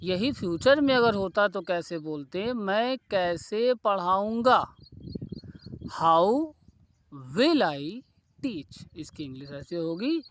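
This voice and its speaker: A man teaching a grammar lesson who repeats each example slowly and deliberately, mixing in phrases. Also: sits high, animated, a bit bright, slight background noise.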